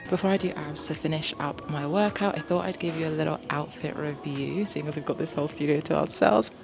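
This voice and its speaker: A woman's voice: low voice, a little fast, vocal fry, over music. A young woman chatting casually through her day in an upbeat, self-deprecating vlog, laughing easily. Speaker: vlogger. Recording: noticeable background noise.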